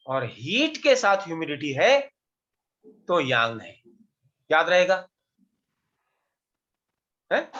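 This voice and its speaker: A fairly high-voiced man leads an online class, firing quick questions at his students as he explains. The sound is dull and lo-fi, like audio from a video call. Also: fairly bright tone. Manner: quizzing students with quick questions, mixing Hindi and English. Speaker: acupuncture teacher.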